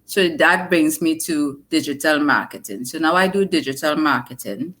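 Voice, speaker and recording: A woman's voice: deep voice, moderate pace, a bit bright. A woman from Trinidad and Tobago with a Trinidadian accent, explaining her work earnestly as an interview guest. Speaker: guest, digital marketer. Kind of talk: casual interview chat.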